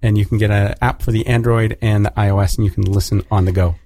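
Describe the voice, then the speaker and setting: A man's voice: on the low side, fairly even intonation, quick pace, background noise. A man hosting a community radio show, chatting casually and jokingly with guests in the studio. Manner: chatty, jokey, with fillers. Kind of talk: casual on-air chat.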